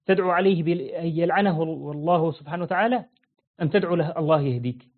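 A man giving an interactive religious lesson, quizzing listeners with repeated questions and slowing down to stress key phrases. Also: a little high, steady tone. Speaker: religious teacher. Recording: narrow phone-like audio.

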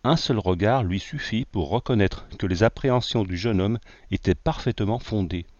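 A male audiobook narrator reading with steady, measured pacing. His voice is low and close to the mic. The dry sound is dulled, as on a lo-fi recording. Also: dry recording. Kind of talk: scripted narration of an adventure novel. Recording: dull lo-fi, dry.

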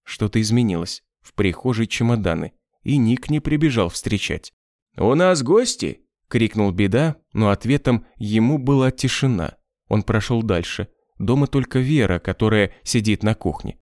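A man narrating a novel in an even, measured storytelling voice. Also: fairly low pitch, no room sound, clean studio sound. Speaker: audiobook narrator. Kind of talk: scripted narration.

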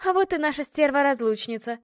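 Woman voicing a shrill, bitter jilted noblewoman. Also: animated, brisk, no echo, studio quality. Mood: furious. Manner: shrill, accusing, sarcastic. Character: jilted young noblewoman, proud, bitter, tearful. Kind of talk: audiobook character reading.

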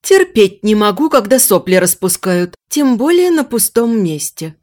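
A woman's voice: mid-range voice, very animated, unhurried, darkish tone. A woman voicing an invisible, bossy female spirit who scolds and lectures in a grumbling, preachy way. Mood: scolding. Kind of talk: audiobook character voice.

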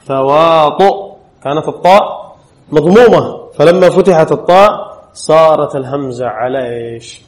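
A man teaching a class on spelling rules, pitched a little above most men. He reads the rule aloud, then keeps firing short questions at his students. He explains each answer himself. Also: moderate pace, darkish tone. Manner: quizzes students with frequent questions. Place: classroom at an Islamic studies center.

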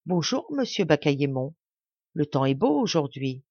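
A woman's voice: sits low, sing-song, unhurried, a little mellow, no room sound, lo-fi sound, exaggerated voice. A woman voicing a sly young boy prankster in a storybook, who pleads in a mock-tearful way. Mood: pleading.

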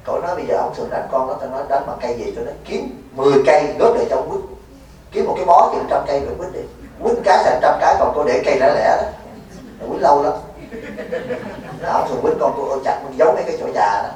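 A man's voice: fairly high pitch, animated, quick pace, a little mellow. A man, a Buddhist monk giving a folksy dharma talk at a retreat, teasing and quizzing his listeners. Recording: echoey hall, mic far off, faint noise.

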